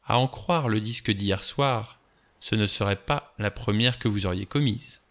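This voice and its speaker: A pushy, suspicious middle-aged ex-policeman, as a man reads him, pressing every question without letting go. The voice is bright and forceful, sitting a little low. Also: animated, moderate pace. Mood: insistent.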